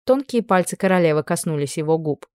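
A woman narrating a fantasy audiobook in an even, measured way. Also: lowish voice, smooth, dry recording, studio quality. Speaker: audiobook reader.

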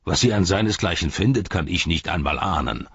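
A scornful, gloating herald of a dark lord taunts his enemies, as a man reading an audiobook puts him on. The voice is deep and husky, with a mocking edge that swings higher in sharp jabs. The recording is dry and a bit dull. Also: expressive, fairly quick, no room sound, full character voice.

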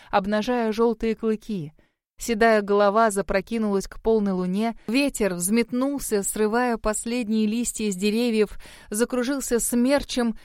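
A woman narrating a fantasy audiobook in the first person with a measured, expressive reading. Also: medium pitch, clean tone, dry recording, studio quality.

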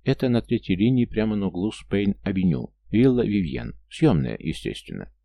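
A man voicing a gruff, slangy street informant in an audiobook. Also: lowish voice, very animated, moderate pace, mellow, no echo, studio quality, exaggerated voice. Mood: offhand. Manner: slangy, laid-back.

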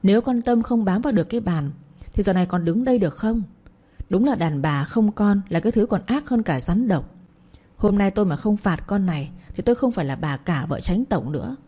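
A woman's voice: mid-range voice, expressive, fairly quick, warm tone, husky. A woman reading the lines of a harsh, domineering elderly matriarch who scolds and commands. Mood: scolding.

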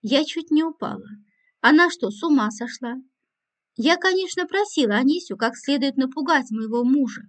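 A woman's voice: sits high, lively intonation, moderate pace. A woman reading a first-person audiobook with a dry, ironic manner. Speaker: audiobook narrator.

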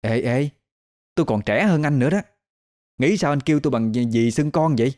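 A man's voice: medium pitch, a little fast, pitched above the performer's own voice, natural voice. A man putting on a flustered young café woman. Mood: boastful flustered. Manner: fumbling broken English, excitable. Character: cheeky young woman café owner, boastful.

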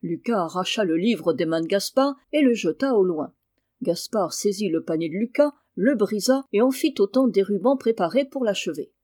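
A woman's voice: medium pitch, lively intonation, moderate pace, warm tone, no room sound, studio quality. Woman reading a children's novel aloud. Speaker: reader.

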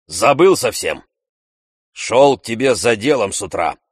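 A man voicing a coarse, blustering middle-aged freeloader who shouts his demands, recorded dry in an audiobook. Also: medium pitch, animated, measured pace, husky, dry recording. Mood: wheedling.

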